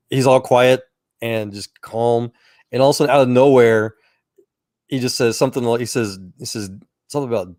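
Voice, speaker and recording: A man's voice: mid-range voice, darkish tone, no room sound. A man chatting casually about faith, telling rambling personal stories with many restarts and chuckles. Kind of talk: casual chat.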